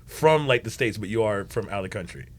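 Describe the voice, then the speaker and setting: A man's voice: fairly low pitch, expressive, fast talker. A man hosting a casual podcast, talking in a loose, slangy way full of fillers. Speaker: podcast host.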